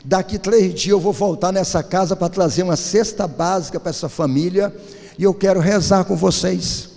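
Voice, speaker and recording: A man preaching a sermon in a church, telling stories with animated delivery and often asking the congregation "isn't it?". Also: sits high, normal speed, creaky. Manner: animated storyteller, often turning to the congregation with "querido" and "não?". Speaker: pastor. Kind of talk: sermon with storytelling. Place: church sanctuary. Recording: church hall with long reverb.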